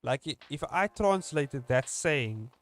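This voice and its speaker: A young South African man with a South African English accent chats casually while drawing on a livestream for his webcomic, rambling with lots of fillers and restarts. His medium-pitched voice is animated and his pace slow.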